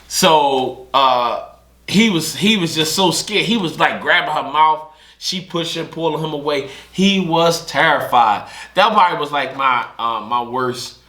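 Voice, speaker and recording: A young man, telling casual stories on a podcast and acting out other people's lines. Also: fairly high pitch. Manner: animated storyteller who acts out other people's lines. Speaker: podcast host. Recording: echoey room.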